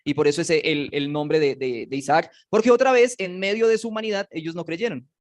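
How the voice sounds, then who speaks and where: A man teaching a casual Bible class, animated and joking, and putting questions to his students. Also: a little high, brisk. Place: classroom with slides.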